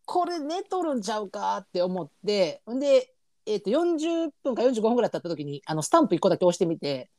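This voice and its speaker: A woman's voice: mid-range voice, lively intonation, quick pace, darkish tone, no room sound, studio quality. A woman with a Kansai accent telling stories and chatting casually as a podcast co-host. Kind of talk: casual chat, storytelling.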